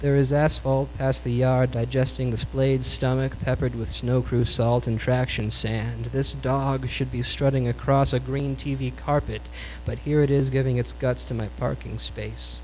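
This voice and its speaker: Even-toned man reciting cool beatnik poetry. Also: medium pitch, moderate pace, hardly any pauses. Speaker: poet performing own poems. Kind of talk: live poetry recital in Beat style. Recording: noisy live recording with hum.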